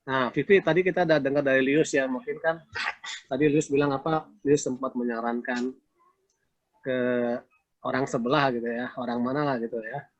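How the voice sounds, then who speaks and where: Male interviewer, gentle and encouraging, muffled lo-fi recording. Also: mid-range voice, fairly even intonation, normal speed. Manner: gentle, prompting questions. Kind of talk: conversational interview.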